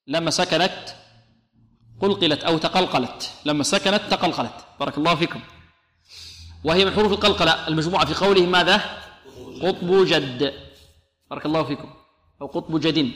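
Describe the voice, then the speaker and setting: A male recitation teacher with a bright, ringing voice leads a lesson. He keeps asking his class questions and answering them himself, drawing each word out slowly to demonstrate it. The sound carries the echo of a reverberant room. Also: a little high. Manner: slows down to demonstrate words carefully; often repeats a short blessing to students. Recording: echoey room.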